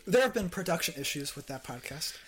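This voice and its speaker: A man's voice: a little high, big pitch swings, quick pace, a crowd in the background. A young man hosting a casual podcast chat, rambling with fillers and laughing often. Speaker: podcast host.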